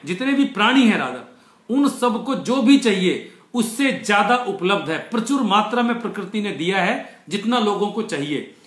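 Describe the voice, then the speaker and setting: A man giving an online motivational lecture, explaining step by step, slowing down to stress key words and mixing English phrases into his talk. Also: high-pitched, a bit bright, echoey room. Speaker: motivational speaker.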